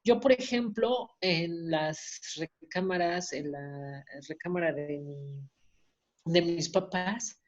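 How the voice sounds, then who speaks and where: A woman's voice: lowish voice, slow pace, a little mellow, dull audio. A Mexican woman giving a candid personal testimony at a support group meeting, acting out quoted voices and swearing casually. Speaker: support group member sharing.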